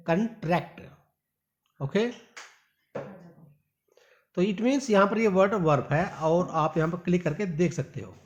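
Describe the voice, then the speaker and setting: A man with a high-pitched voice teaches English pronunciation, reading example sentences slowly and stretching them out word by word. He addresses his learners as "my dear" in this spoken English lesson, and the audio quality is poor.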